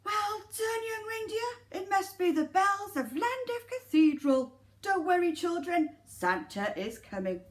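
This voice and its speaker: A hearty old Santa for a storybook, acted out by a woman reader. He is jolly and exclaims with big, lively swings of pitch. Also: a little slow, hardly any pauses, exaggerated voice. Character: jolly, chubby old Santa Claus, male, booming.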